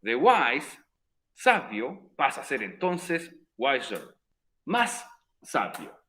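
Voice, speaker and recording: Lively male teacher explaining grammar. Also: medium pitch, extremely slow. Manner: patient, repeats rules step by step. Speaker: English teacher. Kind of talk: recorded virtual class explanation.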